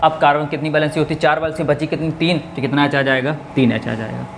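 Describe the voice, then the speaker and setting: Man, chemistry lesson, counts steps aloud, slightly raised pitch, light background hiss. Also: steady tone, fast. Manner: asks students questions and answers them himself. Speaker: chemistry teacher. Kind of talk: classroom lesson at a board.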